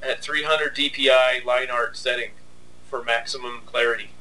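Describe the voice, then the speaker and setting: A man who animates and hosts videos narrates casually from behind the scenes, sarcastic and mock-complaining. His mid-range voice is steady at a moderate pace, picked up by a distant mic with faint background noise.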